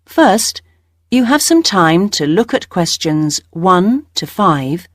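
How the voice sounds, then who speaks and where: A female narrator reading formal listening test instructions in a clear, measured way. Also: fairly low pitch, big pitch swings, no echo, studio quality.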